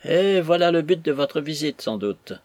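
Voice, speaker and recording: A man voicing a ruined, furious old merchant in an audiobook, ranting bitterly with a husky voice. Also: mid-range voice, animated, moderate pace, dry recording. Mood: angry. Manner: ranting, bitter, raising his voice. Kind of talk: audiobook character voice.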